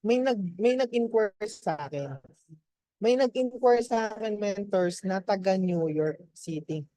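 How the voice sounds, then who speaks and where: A man's voice: high voice, measured pace, mellow, dry recording. A man speaking as a mentor to his team, giving a chatty Taglish motivational testimony and often checking in with his listeners. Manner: chatty, keeps checking in with "di ba?" and laughs.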